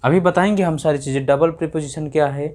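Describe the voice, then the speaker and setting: A man's voice: on the high side, fast talker, darkish tone. A male explaining grammar in a classroom lesson, repeating each point back as a question to his students. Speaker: English teacher.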